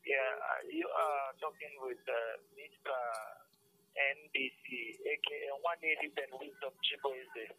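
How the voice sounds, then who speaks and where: A man's voice: mid-range voice, fairly even intonation, measured pace, pushed and bright, slight background noise. A man calling in to a radio show over a clipped phone line, earnest and hesitant with many fillers. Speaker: phone-in caller. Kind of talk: radio call-in opinion.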